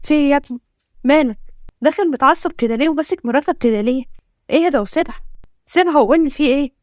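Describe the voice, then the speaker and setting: A woman's voice: high-pitched, very fast, a little mellow, dry recording, clean studio sound, pitched above the performer's own voice, close to an everyday voice. A woman voicing a worried older mother with an Egyptian accent, scolding in an alarmed way. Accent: Egyptian Arabic.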